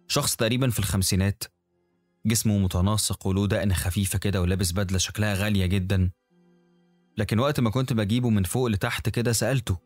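A man with an Egyptian Arabic accent narrating a first-person horror story in a brisk, conversational way. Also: fairly low pitch, no echo. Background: faint music.

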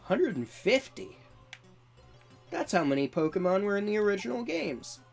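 A gamer gives casual running commentary in a lively, swinging voice. The pitch sits in the middle, and game music plays faintly underneath. Chatty asides are mixed with text read off the screen. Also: normal speed, gravelly. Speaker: gamer doing a let's play. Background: video game music.

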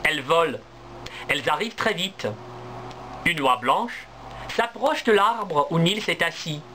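A man, a language teacher, reading a story aloud for learners in a clear, deliberate, expressive way. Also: fairly high pitch, slight background noise.

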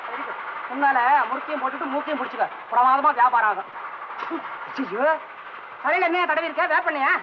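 A man's voice: extremely high pitch, a little fast, long pauses. An actor playing a pompous, ticketless young man on a train who mocks and scolds the other passengers and mixes in English, in 1960s film comedy style, on a dull old soundtrack with hiss. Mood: mocking.

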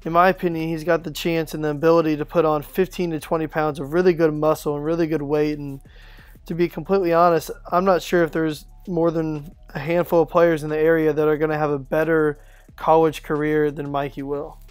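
A man giving a measured, analytical assessment of a high school basketball player in an interview. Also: level tone, smooth, dry recording, soft background music. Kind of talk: interview commentary.

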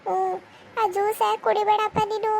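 Scheming village mom, a woman doing her in a skit, whiny and pleading, super high flat voice. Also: normal speed, creaky, a little hiss or hum. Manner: pleading, wheedling. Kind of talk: amateur village skit acting.

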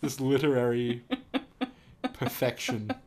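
With a darkish, medium-pitched voice, a steady tone and a measured pace, a man casually reads a story aloud. He keeps breaking in with amused, incredulous remarks, giggling, laughing through the reading and swearing often.

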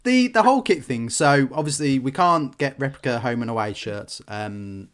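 A man's voice: expressive, normal speed, a bit bright. A man co-hosting a casual podcast chat, telling anecdotes with laughs. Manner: chatty storyteller, laughs, puts on squeaky voices when quoting. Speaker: podcast co-host.

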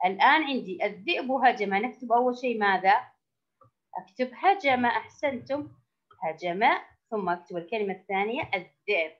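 A woman teaching a first-grade language lesson, asking the children questions, praising their answers and drawing out key words slowly. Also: a little high, animated. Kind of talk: recorded classroom lesson for young children. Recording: dull lo-fi recording.

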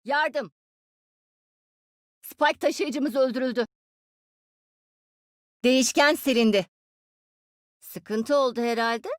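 A smug young genius inventor. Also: female voice, high-pitched, takes it slowly, pauses often, no echo, clean studio sound. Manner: playful, smug, teasing. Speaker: game character voice lines. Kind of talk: Turkish game dub voice lines.

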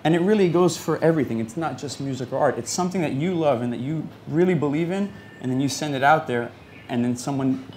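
A young man from New York City giving a personal talk to an audience in an earnest, conversational and excited way. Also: fairly high pitch, fast talker, slight background noise. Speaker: conference speaker.

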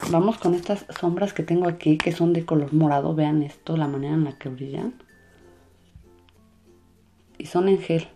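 A woman casually narrating a hands-on craft demonstration for a children's channel in a relaxed, soft-spoken way. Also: low voice, normal speed, pauses often, faint music behind. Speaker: host of a children's slime and makeup channel.

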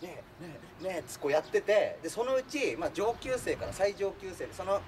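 Animated man telling a story from far off. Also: high-pitched, a little fast, a crowd in the background. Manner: animated, acts out voices in the story, laughs while telling. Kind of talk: casual anecdote telling. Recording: distant mic with clear background noise.

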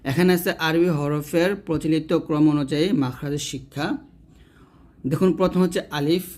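Male Quran tutor, slightly high voice, patient step-by-step delivery, repeats each sound. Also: warm tone. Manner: slow, patient instruction, repeating each letter sound several times; asks questions and answers them himself. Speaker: Quran teacher. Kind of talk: step-by-step pronunciation lesson.

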